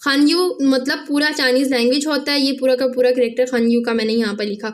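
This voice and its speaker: A woman teaching a casual language lesson, often checking in with "theek hai" and slowing down to spell out sounds. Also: sits high, steady tone. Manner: repeats "theek hai" after each point, spells out sounds slowly.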